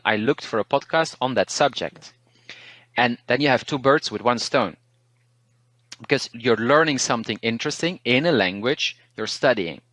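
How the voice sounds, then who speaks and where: Here a Belgian man, native in Dutch and speaking with a Belgian Dutch accent, works as a language teacher and calmly, thoughtfully talks through learning tips, often pausing and restarting words. The format is an interview with casual advice; his voice is mid-range and the recording is dry.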